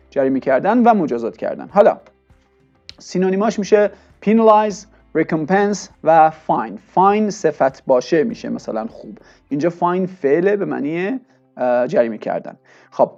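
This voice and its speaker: A man's voice: on the high side, gravelly, darkish tone. Man teaching English words. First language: Persian. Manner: explains in Persian, reads English examples slowly and deliberately. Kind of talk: vocabulary lesson. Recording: dull lo-fi sound with faint music.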